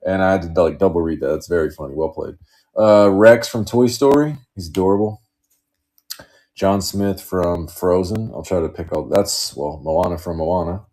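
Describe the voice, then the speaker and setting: Low, mellow-voiced man hosting card breaks. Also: moderate pace. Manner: rambling, joking, laughs often. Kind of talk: casual live stream chat.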